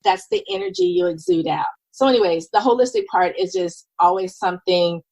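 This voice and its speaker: A woman in her fifties, a podcast guest, telling her story in a lively, animated way and acting out what people said. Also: fairly high pitch, brisk, creaky, no echo, low-quality recording. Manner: lively, animated, acts out quoted dialogue. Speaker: podcast guest, nurse and business owner. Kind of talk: casual conversational storytelling.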